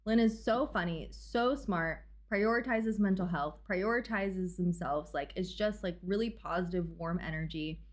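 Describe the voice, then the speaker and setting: A woman livestreamer chatting casually with her audience in a cute, bubbly, excitable and gushing way. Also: on the low side, moderate pace, hardly any pauses. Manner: excitable, exclamatory. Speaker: livestreamer and host. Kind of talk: casual livestream chat, greeting raiders and thanking gifters.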